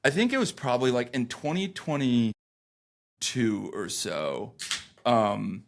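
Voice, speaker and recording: A man's voice: medium pitch, lively intonation, slow, vocal fry, a little hiss or hum. A young man, a founder being interviewed, talking in a loose and rambling way with many fillers and restarts. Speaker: founder, guest. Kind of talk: casual podcast interview.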